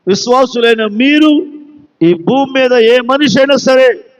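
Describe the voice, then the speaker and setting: A man's voice: very high-pitched, a little slow, long reverb tail, dull audio. A man with a Telugu accent preaching a sermon, emphatic and repeating phrases, asking his listeners question after question. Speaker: pastor.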